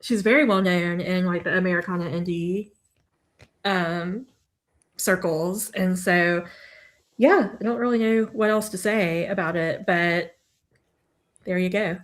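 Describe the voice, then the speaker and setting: A woman co-hosting a music podcast, talking through album picks in a relaxed, easygoing way. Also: fairly low pitch, measured pace, pauses often. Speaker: podcast co-host. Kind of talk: casual chat about music.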